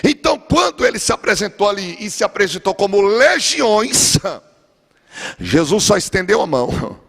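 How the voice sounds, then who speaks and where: A Brazilian pastor preaches in a fervent, declamatory style to a church congregation. His voice sits high for a man and carries a gravelly rasp. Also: sing-song, normal speed, a bit bright. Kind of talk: Pentecostal sermon. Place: church with a gallery.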